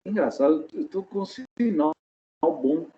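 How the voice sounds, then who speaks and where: A man's voice: fairly high pitch, expressive, unhurried, husky, lo-fi sound. A Brazilian man lecturing on a video call, his audio breaking up and cutting out as he checks in with his students. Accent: Brazilian Portuguese. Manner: checks in with tag questions, explains step by step. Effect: choppy video call audio cutting in and out. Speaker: university lecturer. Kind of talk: online class lecture. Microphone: computer mic on a video call.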